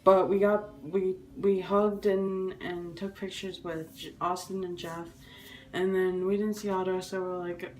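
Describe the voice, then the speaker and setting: A young woman telling a story in a casual vlog, excitable and rambling, with many restarts and fillers. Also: on the low side, measured pace, far from the mic, low-quality recording. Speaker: vlogger.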